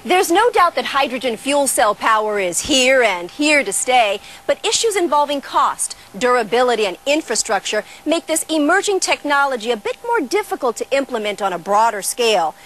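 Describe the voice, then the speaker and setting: A woman TV reporter reading a scripted news feature voice-over in a polished, even delivery. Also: high-pitched, moderate pace, hardly any pauses. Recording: voice-over with music bed.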